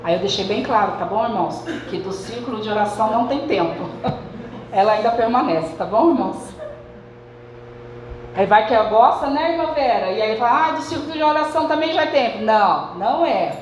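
A woman's voice: medium pitch, lively intonation, normal speed, a little mellow, slight background noise. A woman pastor, preaching a sermon in a chatty way and often turning to the congregation. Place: church hall. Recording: echoey church hall, faint ambience.

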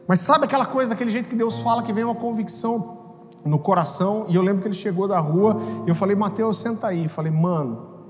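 Man, Brazilian accent, pastor, animated sermon storytelling, long hall reverb, background music. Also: high voice, fast talker. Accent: Brazilian Portuguese. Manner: animated, acts out voices, jokes.

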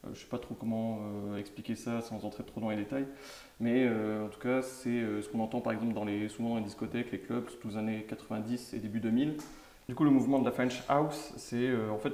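Homme hésitant, pièce qui résonne. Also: male voice, fairly low pitch, steady tone, a little fast, warm tone, echoey room. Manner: hesitant explaining, many fillers. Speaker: podcast host. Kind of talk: casual podcast chat.

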